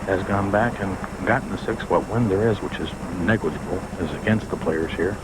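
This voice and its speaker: A man's voice: deep voice, a little fast. A man reporting matter-of-factly from out on the course in live golf commentary. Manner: matter-of-fact. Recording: loud outdoor noise on the course.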